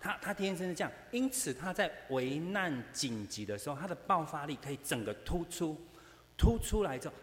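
Animated man teaching in an echoey hall. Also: fairly high pitch, brisk. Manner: animated, joking, keeps asking the class rhetorical questions. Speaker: Bible class teacher. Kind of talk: church teaching to women. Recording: echoey hall with faint hum.

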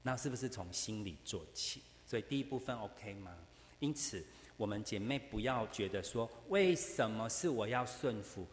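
Brief: male Bible teacher, lively and jokey, always checking with the class, recorded in a reverberant hall with a faint hum. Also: fairly low pitch, moderate pace. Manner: animated, joking, keeps asking the class rhetorical questions. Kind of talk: church teaching to women.

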